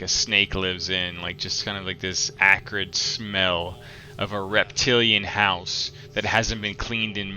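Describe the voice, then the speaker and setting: A man narrating a tabletop game as game master, improvising descriptions in a halting way. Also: fairly low pitch, sharp tone, a little hiss or hum.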